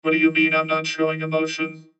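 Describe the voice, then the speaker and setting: A man's voice: on the high side, monotone, fast, background noise. A male streamer talking through a voice changer that morphs his voice, playfully trying out silly voices. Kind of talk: casual live-stream banter. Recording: dull lo-fi sound with loud music. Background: music playing.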